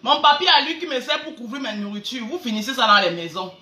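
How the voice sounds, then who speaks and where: A woman's voice: on the high side, quick pace, pushed and bright. A woman with a Cameroonian accent hosting a casual live stream, greeting viewers and mocking people with sarcastic, stammering repeats. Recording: echoey room, faint background noise.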